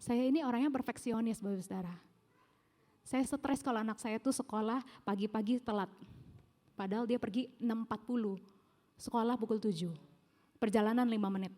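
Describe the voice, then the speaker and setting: A middle-aged woman preaching a sermon, telling her own story in an animated way and acting out the voices of people she quotes. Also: fairly high pitch, brisk, long pauses. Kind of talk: sermon with personal testimony. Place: large church hall. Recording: long church hall reverb.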